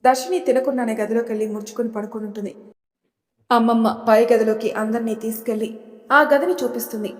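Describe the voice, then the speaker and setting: A woman storyteller narrating an audio story in a steady, plain way. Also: a little high, fast. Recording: long hall reverb.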